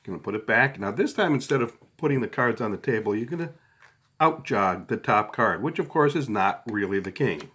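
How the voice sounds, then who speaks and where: A man's voice: medium pitch, animated, fairly quick, a bit bright, husky. A middle-aged man talks through a hands-on tutorial step by step in a casual, conversational way, often checking in as he goes. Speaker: card trick instructor.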